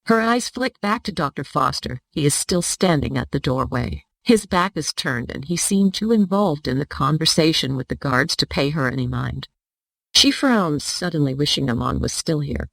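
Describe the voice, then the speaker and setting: A synthetic text-to-speech voice narrates a story in an even, steady reading style. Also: mid-range voice, moderate pace, vocal fry, no room sound, poor audio.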